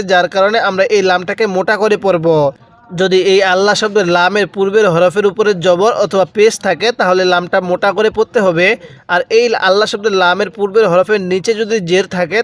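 A man teaching Quran recitation step by step, chanting Arabic words slowly and drawn out, then explaining quickly. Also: sits high. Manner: repeats words for the viewer to copy.

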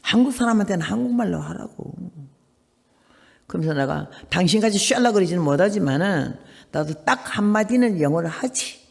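An older woman missionary preaching a sermon, telling stories with dramatic swings between soft and loud speech. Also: fairly low pitch, expressive, brisk, gravelly, big-room sound.

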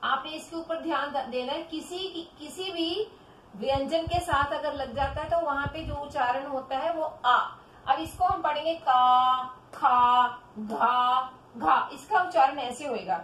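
A woman teacher giving a children's Hindi phonics lesson, drawing syllables out slowly and calling the children "beta". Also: high-pitched. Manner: slow, drawn-out syllables for children. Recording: echoey room with faint background noise.

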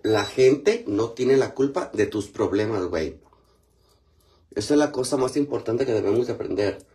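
A chatty Mexican man hosting a casual livestream. His voice sits a little low, and his talk is loose and slangy as he greets viewers by name while doing his skincare. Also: a little mellow, slight background noise. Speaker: livestream host.

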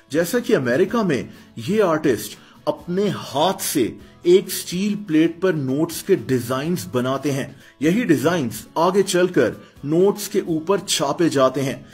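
A man reads a scripted explainer voice-over in a fairly high, husky voice. He keeps a steady teaching pace and often turns to the listeners as friends. Soft music plays faintly underneath. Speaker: explainer video narrator. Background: faint background music.

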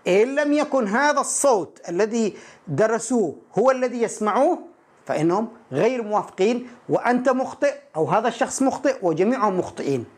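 A man's voice: high voice, expressive, quick pace, husky. A man teaching an online English lesson, lecturing emphatically and speaking straight to his viewers.

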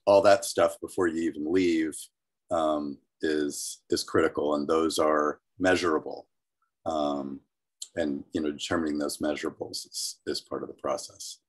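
A man's voice: a bass voice, fairly even intonation, moderate pace, breathy edge. A man talking over a video call whose connection keeps breaking up, hesitant with many restarts. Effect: choppy video-call connection breaking up. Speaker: call participant. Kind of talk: casual meeting chat.

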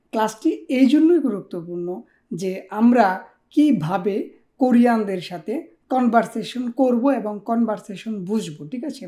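A woman's voice: fairly high pitch, warm tone. A woman teaching a Korean language class, repeating each word and checking in often with her learners. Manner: checks in often with rhetorical questions; drills words by repeating them. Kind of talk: classroom explanation.

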